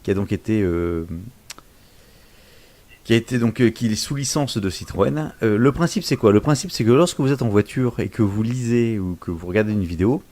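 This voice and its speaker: A man's voice: lowish voice, a little fast, a little mellow. A man co-hosting a casual tech news podcast, joking and searching for words as he goes. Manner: joking, hunts for words mid-sentence. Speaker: podcast co-host.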